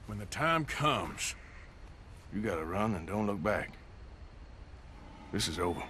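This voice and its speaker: An actor playing a weary, resigned middle-aged American outlaw with a gruff voice in a western video game. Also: male voice, fairly low pitch, sing-song, a little slow, sharp tone, a little hiss or hum, full character voice. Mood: grave, weary. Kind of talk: dramatic video game acting.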